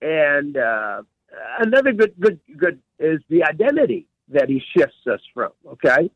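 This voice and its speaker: A man's voice: a little high, sing-song, unhurried, slightly rough, no room sound, dull audio. A man who is a professional coach, teaching as a guest on a radio interview, speaking with emphasis and repeating his key words.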